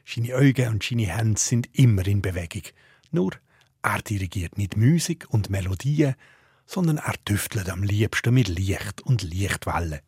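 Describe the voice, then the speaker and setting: A man with a Swiss German accent narrates a documentary report at a measured pace. His voice sits low and is very husky. The sound is dry and close. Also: animated, a little mellow, dry recording. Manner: measured, descriptive.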